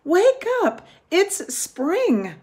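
A woman voicing an eager, cheerful male frog from a storybook, calling out in a high, excited voice. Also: a little slow, close to an everyday voice.

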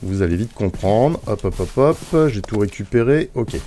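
A man hosting a gaming video, giving casual, chatty commentary as he builds. He talks playfully and fills pauses with little mouth sound effects. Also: on the low side, animated, mellow, a little hiss or hum.

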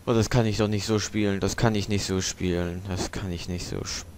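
A man's voice: low voice, steady tone, fairly quick, a little hiss or hum. A young man giving casual, frustrated commentary while he plays, swearing often. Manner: swears a lot, frustrated, rambling. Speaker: let's play gamer. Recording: gunfire from the game loud behind.

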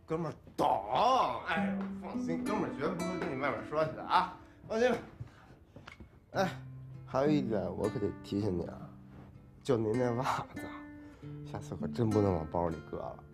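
A man's voice: mid-range voice, very animated, moderate pace. An actor playing a drunken divorced young man who rambles, slurs and teases in a TV drama. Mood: drunk teasing. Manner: slurred, rambling and teasing. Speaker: drunken ex-groom. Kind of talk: TV drama acting. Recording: echoey room with background music.

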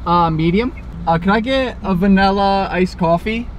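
A man's voice: sits high, moderate pace. A young man in a car ordering food at a drive-through, casual and joking. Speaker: vlogger. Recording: outdoor noise around a car.

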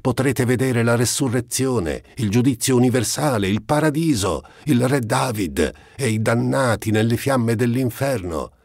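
A man voicing an old male church beadle who calls out eagerly in a raised, higher voice, in an audiobook. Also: moderate pace, few pauses, no room sound, studio quality, natural voice. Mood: eager shouting. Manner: loud, eager, calling out.

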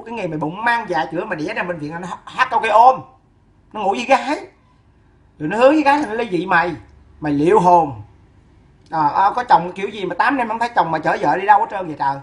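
A woman scolding someone in a fierce, insulting, sing-song rant. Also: medium pitch. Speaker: woman ranting at a neighbor. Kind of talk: ranting scolding monologue.

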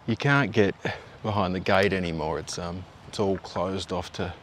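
A man's voice: deep voice, moderate pace, slight background noise. A man in his thirties from Tasmania with an Australian accent, presenting a local history video outdoors in an easygoing, conversational way. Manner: relaxed, conversational, offhand asides. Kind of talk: casual on-location presenting. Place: outdoors by a river and on park paths.

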